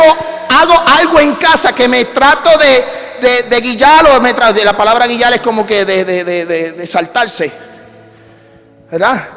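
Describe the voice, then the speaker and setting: A man with a Puerto Rican accent, a pastor telling a personal story in a sermon with lively calls to his congregation. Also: very high voice. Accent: Puerto Rican Spanish. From Puerto Rico. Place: church sanctuary. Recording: church hall reverb.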